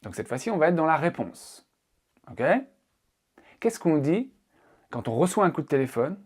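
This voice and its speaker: A man's voice: a little high, very animated, moderate pace, husky. A man teaching a casual spoken language lesson, playful and joking as he explains. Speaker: English teacher.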